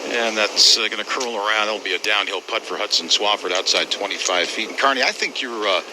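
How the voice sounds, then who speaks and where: A man calling golf as a live play-by-play commentator, in measured, clipped phrases. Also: lowish voice. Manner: measured, clipped present-tense calls. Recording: clear outdoor background noise.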